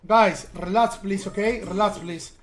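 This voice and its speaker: A man's voice: high-pitched, steady tone, slow pace, a crowd in the background. A man giving casual, teasing live-stream commentary while he plays and chats with his viewers. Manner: playful, teasing, chatty with viewers. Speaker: game streamer.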